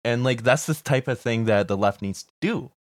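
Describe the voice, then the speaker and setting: A man's voice: mid-range voice, moderate pace, dry recording, clean studio sound. A man co-hosting a podcast, talking in a crude, joking, casual way. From Canada. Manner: crude, joking, mocking impressions. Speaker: podcast co-host. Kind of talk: casual chat.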